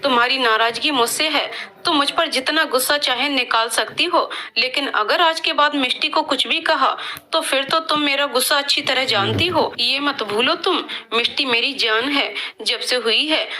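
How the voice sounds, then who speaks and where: A woman voicing a stern, protective young husband in a storybook tale, firm and forceful in speech. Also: sits high, moderate pace. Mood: angry. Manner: firm, angry outbursts with tender moments.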